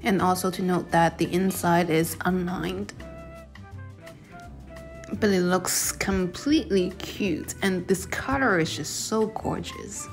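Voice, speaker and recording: A woman's voice: fairly low pitch, takes it slowly, creaky, soft background music. A young woman narrating a casual shopping vlog in a chatty, descriptive way. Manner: chatty, descriptive, reviewing products. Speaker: vlogger.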